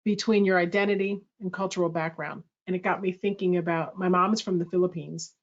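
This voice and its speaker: In slightly muffled audio, a middle-aged woman leading a workshop talks fairly quickly in a low-leaning voice with fairly even intonation. Her presentation dialogue is reflective and thoughtful, with frequent self-corrections.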